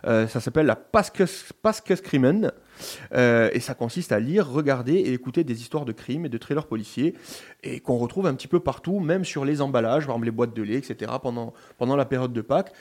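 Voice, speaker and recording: A man's voice: mid-range voice, fast, a little mellow. A man presenting his column on a radio talk show, chatty and digressive, with many restarts and fillers.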